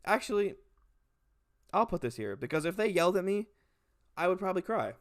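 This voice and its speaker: A man's voice: sits high, very animated, fairly quick, no room sound, studio quality. A young man in a casual comedy vlog, ranting animatedly with lots of swearing and laughter. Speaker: video creator.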